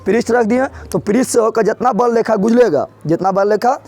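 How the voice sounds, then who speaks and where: A man's voice: high voice, brisk, a little mellow. A man teaching a physics lesson, asking students questions and repeating key words again and again. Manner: repetitive call-and-response questioning. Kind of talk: classroom lecture.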